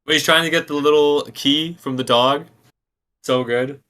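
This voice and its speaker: A man's voice: on the high side, steady tone, moderate pace, pushed and bright, clean tone. A young man co-hosting a casual podcast chat, playful and teasing. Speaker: podcast co-host.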